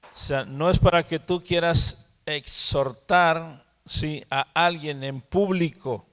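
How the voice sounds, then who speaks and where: A man teaches the Bible at a church prayer meeting. He talks slowly and keeps asking "¿sí?". His voice carries a long hall reverb. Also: fairly high pitch, a bit bright. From Mexico. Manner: slow, repeats words and asks "¿sí?". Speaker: preacher.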